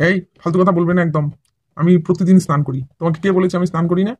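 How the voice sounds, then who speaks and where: A man's voice: high-pitched, steady tone, very fast, a little mellow, breathy edge. A man playing a stubborn husband and father who avoids bathing and argues defensively. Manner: defensive, scolding. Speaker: actor in a comic family skit.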